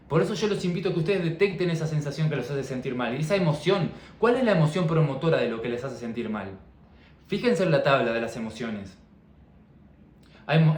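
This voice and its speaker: Young guy, earnest coach vibe, bit high voice, lots of room echo. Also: darkish tone, a little hiss or hum. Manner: earnest, repetitive, confessional. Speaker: mindset and fitness coach. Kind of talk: personal vlog monologue.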